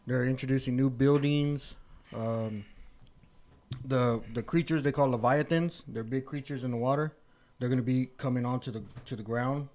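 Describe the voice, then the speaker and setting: A man's voice: mid-range voice, steady tone, moderate pace, a little mellow. Rambling man talking about games. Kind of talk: casual chat.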